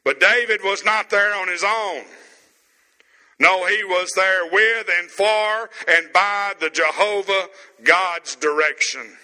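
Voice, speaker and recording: A man preaching a sermon as pastor, stressing words slowly with pauses, in an empty room. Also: high voice, pushed and bright, long reverb tail, rough recording.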